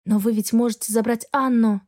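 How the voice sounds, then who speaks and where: A woman's voice: fairly high pitch, steady tone, brisk, a little mellow, close to an everyday voice. A woman voicing a defiant young bride forced into marriage, stubborn and protesting.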